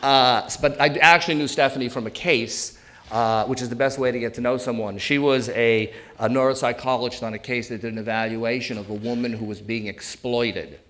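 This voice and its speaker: A man's voice: mid-range voice, fairly even intonation, fairly quick, fairly bright tone. A man in his sixties with a New England accent, giving an informal live talk and bantering jokingly with his audience. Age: 60s. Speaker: presenter, elder law attorney.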